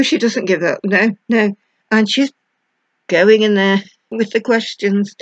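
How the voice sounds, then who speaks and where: A woman's voice: medium pitch, no echo. An older woman from the United Kingdom, a former nurse, giving advice straight to the viewer in a theatrical, emphatic way, sometimes mimicking tearful voices. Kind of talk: direct-to-camera advice monologue. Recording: dull lo-fi dry recording.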